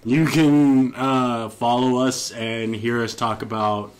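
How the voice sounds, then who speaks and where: A man's voice: mid-range voice, steady tone, takes it slowly. A man co-hosting a casual let's play, cracking crude jokes and laughing often. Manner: crude, joking, laughs a lot. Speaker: co-host. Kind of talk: casual gameplay commentary.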